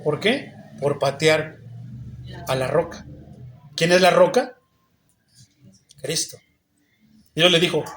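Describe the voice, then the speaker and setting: Pastor preaching in an echoey room. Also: male voice, high voice, a little hiss or hum. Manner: conversational preaching, rhetorical questions, often addresses "hermano". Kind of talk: sermon.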